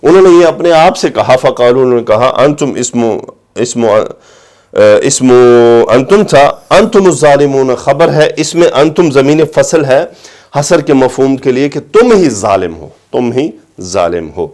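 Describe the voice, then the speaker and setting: Man teaching Quranic grammar slowly. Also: medium pitch, lively intonation, a little mellow. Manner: recites Arabic slowly, then explains in Urdu. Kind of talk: lecture on Arabic grammar and tafsir.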